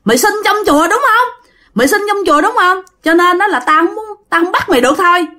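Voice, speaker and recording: A woman's voice: fairly high pitch, animated, brisk, natural voice. A woman voicing the angry ghost of a young man with bleached hair, cursing and threatening in a ghost story. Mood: menacing.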